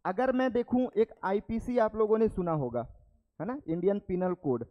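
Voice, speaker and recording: Young guy teaching a class, pretty high voice, keeps checking the class gets it, muffled lo-fi sound. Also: animated, moderate pace. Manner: explains step by step, repeats terms, checks with "ठीक है". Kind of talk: classroom lecture.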